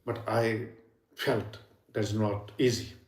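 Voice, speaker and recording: A man's voice: fairly low pitch, steady tone, slow, darkish tone, roomy sound. A man giving an earnest spiritual talk on sound healing, often dropping to near whispers for emphasis. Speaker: yoga and sound healing teacher. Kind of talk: informal spiritual teaching talk.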